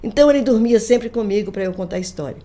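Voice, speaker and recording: An older woman, a grandmother, chatting on a podcast and retelling family stories with lively quoted voices. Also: mid-range voice, very fast. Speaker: guest, folklorist. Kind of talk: casual storytelling conversation.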